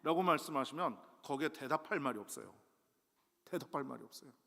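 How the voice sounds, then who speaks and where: A middle-aged male guest pastor preaching a sermon in a conversational, self-deprecating way, with sudden loud rises. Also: mid-range voice, expressive, brisk, vocal fry. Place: church sanctuary. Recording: long church hall reverb.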